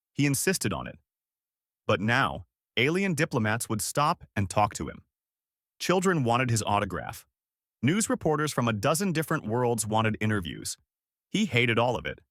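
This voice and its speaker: A man giving scripted narration of a science fiction story in a steady storytelling manner. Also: mid-range voice, dry recording, clean studio sound.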